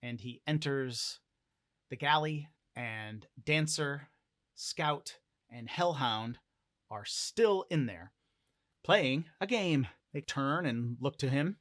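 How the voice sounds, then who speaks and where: A man telling a solo tabletop role-play adventure in an unhurried, deliberate way, letting each beat land slowly. His mid-pitched voice sounds dry and close, with no room echo around it. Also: lively intonation, fairly bright tone. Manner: measured, deliberate storytelling. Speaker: solo game narrator.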